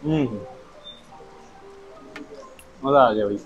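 With faint music behind him and the high frequencies cut off, a man in his thirties draws out his words at medium pitch. Speaking Lucknow Hindustani, this food vlogger casually reviews dishes to camera from a restaurant table, describing each one while eating, recorded on a lapel mic.

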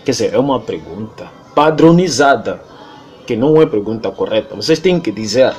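A man's voice: mid-range voice, expressive, a little fast, a little mellow, faint music behind. A man from Angola with an Angolan Portuguese accent, speaking in an emphatic, lecturing monologue with a lot of repetition. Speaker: interviewee. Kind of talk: impassioned monologue.

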